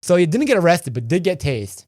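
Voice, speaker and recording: A man's voice: high-pitched, sing-song, fairly quick, a little mellow, no echo, clean studio sound. A young man in his twenties, a podcast co-host telling a rambling, profane story in casual chat.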